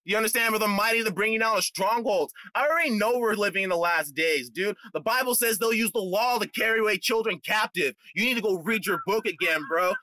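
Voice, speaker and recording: A man hosting a religious online show, ranting to his viewers in a combative way that swings from shouting to muttering. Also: high voice, a little fast, hardly any pauses, dry recording. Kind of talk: heated livestream rant to viewers.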